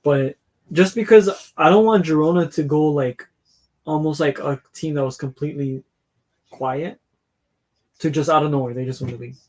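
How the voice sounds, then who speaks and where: A man's voice: fairly high pitch, moderate pace, pauses often, darkish tone. A man co-hosting a football watchalong, telling long rambling stories with lots of fillers and restarts. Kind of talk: casual chat.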